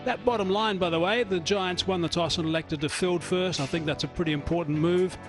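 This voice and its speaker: Male cricket commentator opening the match, upbeat and chatty, slightly high voice with music behind. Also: a little fast.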